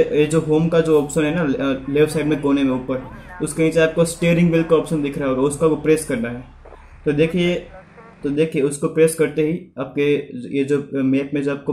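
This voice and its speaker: Chatty male gaming streamer, slightly high voice, echoey room with faint noise. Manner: excitable, chatty, addresses viewers as guys. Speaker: gaming YouTuber. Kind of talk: casual gameplay commentary.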